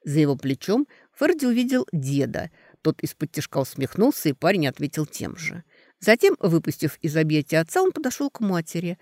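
A man narrating a novel as an expressive audiobook reading. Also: fairly high pitch, a little fast, dry recording, clean studio sound.

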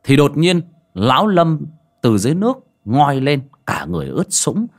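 A man narrating an audio ghost story in a dramatic, lively storytelling manner. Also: a little high, moderate pace, creaky.

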